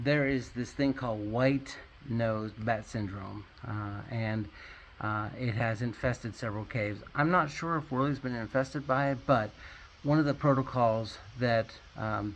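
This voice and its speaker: A man narrates an informal guided tour as a caving host, in a mid-pitched voice. He explains as he goes, pausing and hesitating often. The on-location recording carries some ambient noise. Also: low-quality recording.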